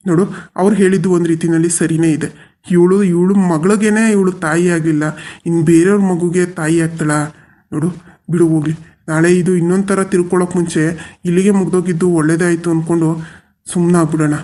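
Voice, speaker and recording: An actor voicing a weary, resigned middle-aged father in a cartoon, who talks slowly and consoles his wife. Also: medium pitch, steady tone, mellow, close to an everyday voice. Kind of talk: cartoon voice acting.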